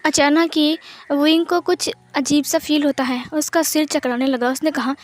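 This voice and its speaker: A woman narrating a fan fiction story in an even retelling style with small slips. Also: high-pitched, normal speed.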